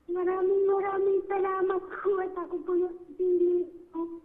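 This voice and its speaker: A woman from Samar, a domestic worker calling into a game show, speaking politely and softly while crying. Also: extremely high pitch, flat delivery, moderate pace. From Samar, Philippines. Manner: polite, soft-spoken and tearful. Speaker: caller. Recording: tinny phone line with reverb.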